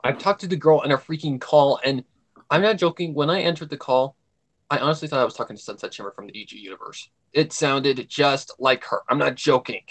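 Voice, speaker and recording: Speaking briskly in a medium-pitched voice, a man joins a livestream as a guest for a casual chat. He wanders from point to point, stresses things forcefully, and keeps repeating what he has already said.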